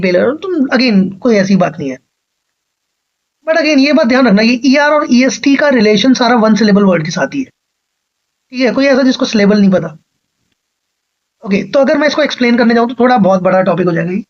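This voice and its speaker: A man's voice: high voice, lo-fi sound. A man teaching an exam-prep grammar lecture, explaining patiently step by step and often checking that his students follow.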